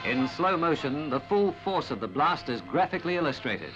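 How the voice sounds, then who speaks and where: A man reading a scripted 1960s documentary narration in a formal, measured, dramatic way. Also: a little high, sing-song, over loud music. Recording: dull, band-limited 1960s film soundtrack.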